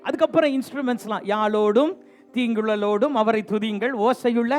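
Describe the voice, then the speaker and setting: High-voiced exhorting preacher. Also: male voice, fairly quick, faint music behind. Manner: exhorting, teasing the congregation, repeating refrains. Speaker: pastor. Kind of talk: lively bilingual sermon with call-and-response. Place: church sanctuary.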